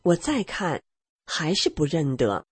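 Husky middle-aged woman telling her story. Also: low-pitched, huge pitch swings, unhurried, no room sound. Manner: plain storytelling, acts out quoted dialogue. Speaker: narrator of a personal testimony. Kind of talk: read-aloud personal testimony.

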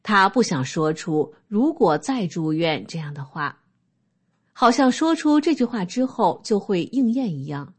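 A woman reading a first-person personal testimony aloud in a calm, steady manner. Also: medium pitch, a little slow, breathy edge. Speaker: narrator.

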